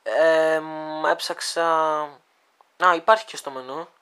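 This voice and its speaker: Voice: medium pitch, fairly even intonation, a bit bright, smooth. A speaker casually walking viewers through a phone app, thinking aloud with many hesitations and talking to them like friends. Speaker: video creator demonstrating a phone app. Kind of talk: casual screen demo walkthrough.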